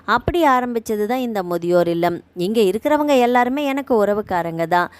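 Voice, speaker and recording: A woman voicing a kindly retired man who runs a care home; he talks gently and reassuringly. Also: mid-range voice, lively intonation, normal speed, clear, resonant tone, no room sound, close to an everyday voice.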